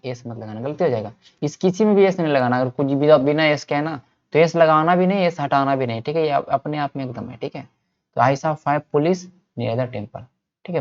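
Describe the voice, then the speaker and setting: A man's voice: on the high side, darkish tone, muffled recording. Man teaching grammar, asking and answering. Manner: asks the class questions and answers them himself; repeats points and reads example sentences slowly. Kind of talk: exam-prep grammar lecture.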